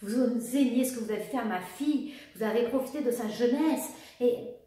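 A woman's voice: a little high, fairly quick, lightly acted. A woman doing a furious proud baroness. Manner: sharp, indignant outbursts. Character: furious aristocratic mother, a baroness, icy and proud. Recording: echoey room, voice far from the mic.

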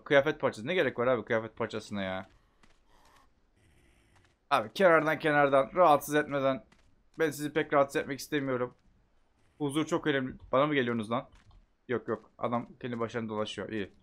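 A man giving casual gameplay commentary, chatting to himself and bursting into loud shouts at the game. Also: mid-range voice, brisk, long pauses. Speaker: gameplay streamer.

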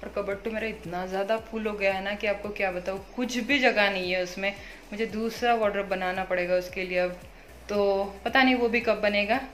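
A woman in her thirties vlogging at home, talking quickly and chattily with many fillers as she cooks and does chores; her first language is Marathi. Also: mid-range voice, fairly even intonation, a bit bright, a little hiss or hum. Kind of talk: casual home vlog, cooking and chores.

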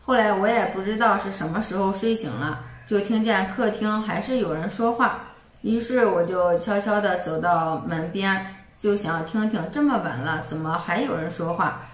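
A woman's voice: mid-range voice, moderate pace, reverberant, distant mic. A young woman narrating her own story in the first person, in a plain, conversational way.

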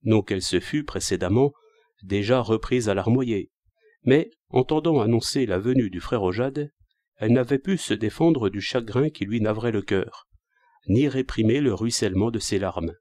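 A man narrating a classic novel in a measured, even reading. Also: on the low side, dry recording, clean studio sound. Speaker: audiobook reader. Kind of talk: scripted literary narration.

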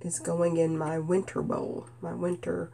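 A woman from Kentucky with a cold and a nasal voice, chatting gently about her stitching projects with many "uh" fillers. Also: fairly low pitch, completely flat delivery, gravelly, slight background noise. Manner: gentle, unhurried, frequent "uh" fillers. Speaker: stitching vlogger. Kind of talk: casual show-and-tell chat.

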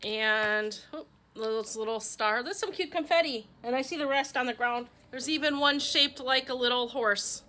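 Bright, high-voiced gushing woman vlogger. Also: moderate pace. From Wisconsin, USA. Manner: gushing, chatty, talks to her pet. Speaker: vlogger opening fan mail. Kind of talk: casual chat.

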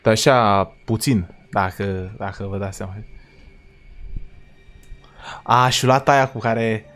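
Excitable young man reacting to horror. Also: lowish voice. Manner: excitable, slangy, yells in panic at jump scares. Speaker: reaction video host. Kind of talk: casual reaction commentary.

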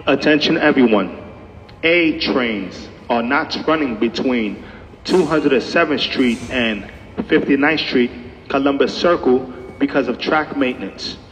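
A man's voice: medium pitch, measured pace, fairly bright tone. A man reading a scripted public transit announcement in an airport announcement manner. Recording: muffled, reverberant hall, faint noise.

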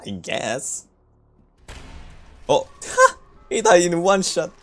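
A man's voice: high voice, expressive, drawn-out words, creaky, fairly bright tone, soft background music. A young man from Romania streaming a game, chatting casually with viewers in a laid-back, joking way with frequent laughs. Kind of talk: casual gameplay chat with viewers.

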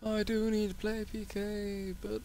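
A man's voice: sits high, completely flat delivery, unhurried, gravelly, mellow. A young man giving casual, rambling commentary over his gameplay, tired and swearing now and then. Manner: swearing, laughing, rambling asides. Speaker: gaming video creator.

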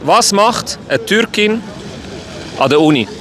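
Guy doing street comedy, cheeky, laughs at his own jokes, lively voice, city street. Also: sits high, slow. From Switzerland. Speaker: comedian host.

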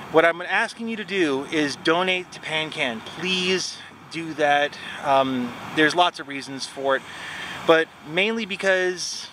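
A slightly high-voiced man in his forties rambles through a casual one-take gear walkthrough, full of fillers and restarts. He's outdoors at a trailhead parking area, talking into a handheld camera held at arm's length, with faint traffic noise behind him. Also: bright, forceful tone. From Wisconsin, USA. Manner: rambling, many fillers and self-corrections. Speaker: bike touring vlogger. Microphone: handheld action camera at arm's length.

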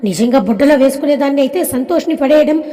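A woman's voice: sits high, fast talker, dark tone, natural voice. A woman voicing a hurt but defiant young woman defending herself. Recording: long reverb.

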